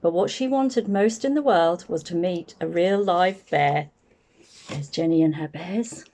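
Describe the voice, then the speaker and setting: A children's picture book is read aloud by a woman with a lowish voice, whose storytelling is expressive and deliberate.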